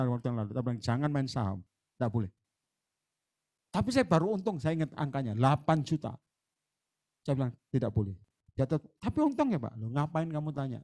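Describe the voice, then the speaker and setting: A man preaching a lively sermon as a guest preacher, chatty, jumping between loud bursts and low asides and acting out conversations with church members. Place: church hall.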